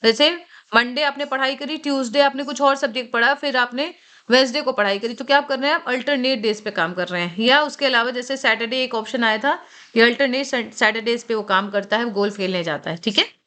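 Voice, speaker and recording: A woman with an Indian English accent teaching English vocabulary for competitive exams, repeating each word slowly and clearly for students to say aloud. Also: fairly high pitch, pushed and bright. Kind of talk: exam-prep vocabulary lesson, Hindi mixed with English.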